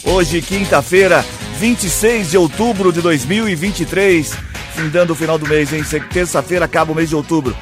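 A man's voice: on the high side, normal speed. A man hosting a radio morning show, joking with co-hosts and reading time checks and dates. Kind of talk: lively radio banter. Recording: music bed under the voice.

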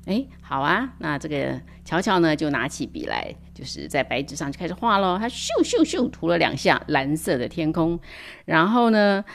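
A woman reads a children's picture book aloud. Her voice is animated and rises and falls a lot, with playful sound words and soft, hushed asides. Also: low voice, normal speed, vocal fry. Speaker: storyteller. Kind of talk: storybook read-aloud for children.

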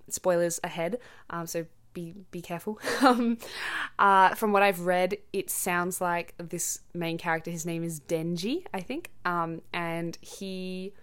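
Young woman, slightly low voice, chatty podcast host who rambles and explains words simply. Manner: rambling, many ums and self-corrections. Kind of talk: casual chatty monologue.

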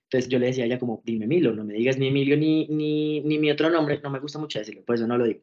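A man's voice: medium pitch, racing, lo-fi sound. A young man, telling his story as an interview guest in a casual way and acting out the voices of the people in it. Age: young adult. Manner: animated, acts out quoted dialogue.

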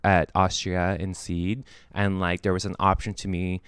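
A man's voice: low voice, little pitch movement, normal speed, fairly bright tone, clean tone, no echo, studio quality. A young man talking casually in an apartment, rambling with lots of fillers and restarts. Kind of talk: casual chat.

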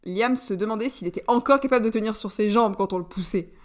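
A woman narrating a novel aloud in a lively storytelling manner. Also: medium pitch, fast talker. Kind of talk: audiobook narration.

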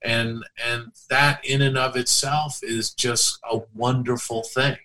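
Middle-aged male author, casual guest, bright voice, loose rambling delivery. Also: mid-range voice, level tone, slow pace, low-quality recording. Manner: rambling, many fillers and restarts. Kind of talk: casual interview chat.

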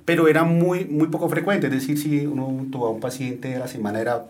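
A doctor from Colombia answering interview questions, explaining plainly and steadily with frequent fillers. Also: male voice, medium pitch, flat delivery, fast, a little hiss or hum.

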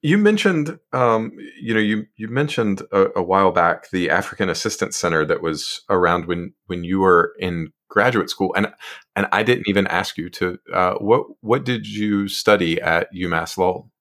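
A man hosts a casual interview, his voice sitting a little low. He asks curious follow-up questions and lets his guest talk. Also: animated, normal speed, a bit bright.

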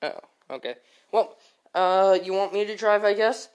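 A woman's voice: mid-range voice, normal speed, smooth, pitched below the performer's own voice, lightly acted. A woman voicing a meek, hesitant boy who stammers in a homemade comedy skit.

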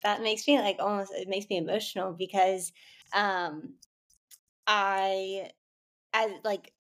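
A woman's voice: medium pitch, steady tone, slow pace, a bit bright. Heartfelt young woman podcast host. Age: young adult. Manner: heartfelt, searching, with many fillers. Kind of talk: faith podcast conversation.

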